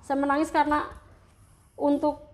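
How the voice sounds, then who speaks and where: A middle-aged woman from Central Java telling her personal story in an interview, speaking with deep emotion that at times turns tearful. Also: completely flat delivery, moderate pace. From Central Java, Indonesia. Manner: emotional, heartfelt storytelling that rises into tearful prayer. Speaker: interview guest.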